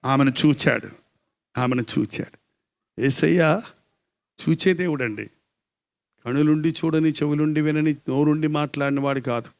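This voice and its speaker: Emphatic high-voiced preacher. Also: male voice, normal speed, creaky, pauses often. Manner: emphatic, rhetorical questions, repetition. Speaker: pastor. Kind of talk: live sermon.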